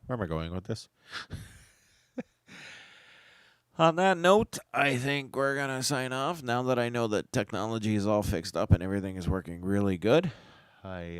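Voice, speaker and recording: A man hosts a casual solo livestream chat, rambling and chuckling whenever he loses his train of thought. His fairly low voice is smooth with lively intonation at a normal speed, though a stuffed-up nose makes him sound a little nasal. The recording is dry and clean, studio quality.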